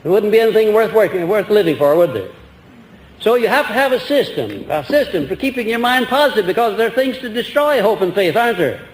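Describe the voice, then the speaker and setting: On an old archival recording from an echoey hall with faint hiss, an older man lectures an audience and answers their questions. His voice sits high and swings widely in pitch, moving fairly quickly. He's earnest and rambling, restarting sentences and posing rhetorical questions.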